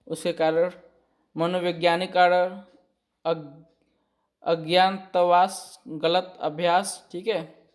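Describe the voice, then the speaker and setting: A man teaching an exam-prep lesson. He reads out each point and then explains it again more simply, often pausing to check with his students. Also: sits high. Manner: slow and deliberate, often checking with "ठीक है".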